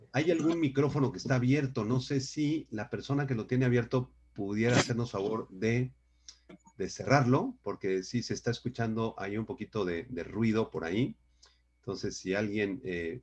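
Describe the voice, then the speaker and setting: A man's voice: fairly low pitch, husky. A man teaching a Bible lesson over a video call, emphatic and often checking in with his listeners. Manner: emphatic, frequent rhetorical "¿sí?" checks. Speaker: pastor teaching a Bible class. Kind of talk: online Bible lecture.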